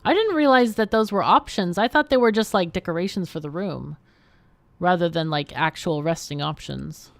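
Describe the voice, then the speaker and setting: A woman hosts a casual game livestream, exclaiming expressively and talking to herself as she plays and chats. Her lowish voice with vocal fry moves at a moderate pace, recorded with no room sound.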